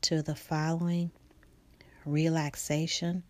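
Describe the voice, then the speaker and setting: A woman leads a guided relaxation meditation at a very slow, unhurried pace, her low voice drifting often into a soft whisper. The sound is dry and close, with no room around it. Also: little pitch movement, no echo.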